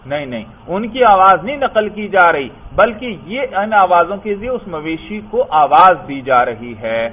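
A man teaching Arabic grammar in Urdu. He reads Arabic phrases slowly, then explains them and keeps asking his listeners whether they have understood. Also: high-pitched, lively intonation. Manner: keeps asking if it is understood, often says "brother". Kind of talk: classroom lesson explaining Arabic text. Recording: tinny phone-like recording with faint noise.

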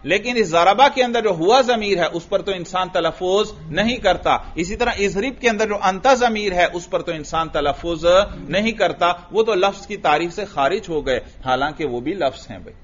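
A male teacher giving a classroom lecture, who reads Arabic lines slowly, explains them and asks his students questions that he then answers himself. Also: high-pitched, fairly bright tone, slight background noise. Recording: dull lo-fi recording.

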